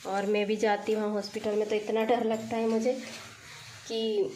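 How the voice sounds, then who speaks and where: A woman's voice: medium pitch, little pitch movement, moderate pace, mellow. A woman in her thirties from India, chatting casually while she cleans her kitchen. She is getting over a cold and her throat is still sore. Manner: chatty, talking while working. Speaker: village vlogger. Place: home kitchen, tiled and echoey. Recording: echoey kitchen, faint noise.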